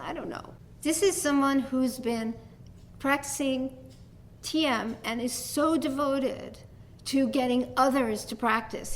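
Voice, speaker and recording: A woman's voice: high-pitched, slight background noise. A middle-aged woman from New York with a New York accent, giving a conversational dharma talk as a teacher, telling stories with light laughs. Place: meditation hall talk.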